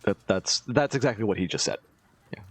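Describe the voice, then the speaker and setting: A man's voice: fairly low pitch, brisk, a little hiss or hum. A man running a tabletop role-playing game as game master over voice chat, stammering often and laughing a lot.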